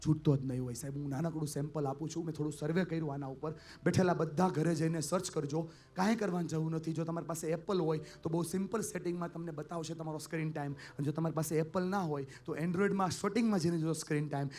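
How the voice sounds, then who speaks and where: A man's voice: a little high, steady tone, quick pace, hardly any pauses, mellow. A man giving an impassioned live motivational speech at a school event, often addressing the audience directly and acting out story characters. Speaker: motivational speaker.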